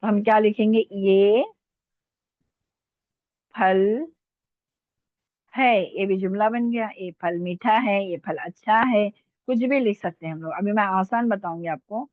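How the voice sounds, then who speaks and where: A woman's voice: medium pitch, a little slow, long pauses, no room sound. A woman teaching an Urdu lesson online, patiently sounding out letters and checking that her students follow. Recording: tinny phone-like dry sound.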